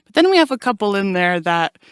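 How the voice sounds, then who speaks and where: A woman's voice: medium pitch, fast, smooth, no echo, studio quality. A young woman, a jazz vocalist, telling stories in an interview and acting out the quotes she tells. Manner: animated storyteller, acts out quotes. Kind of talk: casual interview chat.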